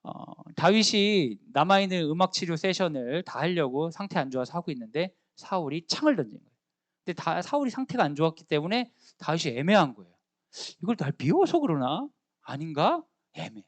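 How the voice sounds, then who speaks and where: A man gives a school sermon in a slightly higher voice with very lively pitch. He retells the story with energy and turns to the listeners with questions. The recording is dry and close, with no room echo. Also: a little fast. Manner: lively storytelling, acting out the characters' lines; asks the listeners questions directly. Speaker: school chaplain.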